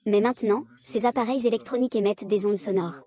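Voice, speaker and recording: A woman's voice: mid-range voice, fast talker, mellow. A woman reading the dialogue of a dubbed drama, voicing every part in the same unchanging voice. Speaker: voice-over reader of a drama recap.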